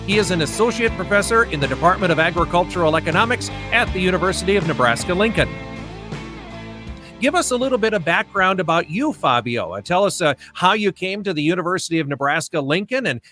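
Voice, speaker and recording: A man's voice: sits high, expressive, fast talker, over music. A man hosting a farm market podcast, reading a scripted intro and then asking conversational questions. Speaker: podcast host. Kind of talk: interview hosting.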